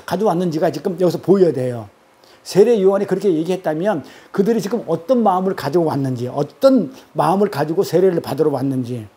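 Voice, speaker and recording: A man's voice: high voice, mellow. A male pastor preaching a sermon in a conversational, emphatic way, firing off rhetorical questions. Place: church.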